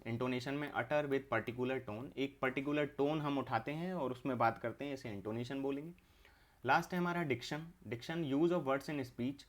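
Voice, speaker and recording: A young man gives an online exam-prep English lesson. He has a mid-pitched voice. He walks through each term step by step and goes back over it. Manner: explains terms step by step, repeating them. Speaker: English teacher.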